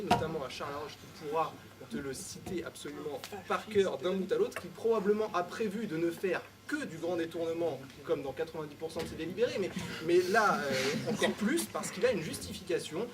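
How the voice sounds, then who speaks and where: A man's voice: fairly high pitch, animated, a little fast, few pauses. A young man on a jury giving a sarcastic, mocking critique of a speaker. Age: young adult. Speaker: jury member. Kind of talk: comic critique of a speech. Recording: far mic, loud audience.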